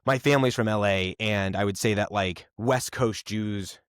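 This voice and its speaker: A man with a lowish voice hosting a relaxed podcast conversation, chatty and joking, with plenty of "like"s and "uh"s. The sound is close and dry. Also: normal speed, clear, resonant tone, no echo. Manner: chatty, joking, many fillers. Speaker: podcast host. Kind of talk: casual interview chat.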